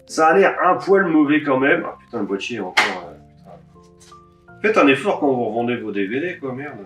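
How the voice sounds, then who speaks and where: A man's voice: mid-range voice, big pitch swings, moderate pace, roomy sound, distant mic, music in the background. A man chatting casually while sorting through a pile of DVDs, wry and grumbling, swearing offhandedly. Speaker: DVD collector vlogger.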